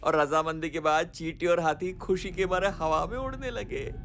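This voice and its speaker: A man's voice: on the high side, moderate pace, fairly bright tone, soft background music, lightly acted. A man doing a cowardly jittery uncle. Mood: storytelling. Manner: nervous, rambling, voice jumps up in panic. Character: cowardly jittery middle-aged uncle, clingy, comic. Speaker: fearful uncle in a comedy film. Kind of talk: Hindi film dubbing.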